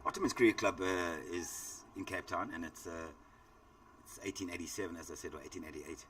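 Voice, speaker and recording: Deep-voiced South African cricket commentator. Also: male voice, brisk, bright, forceful tone, far from the mic, slight background noise. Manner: chatty, rambling, lots of fillers.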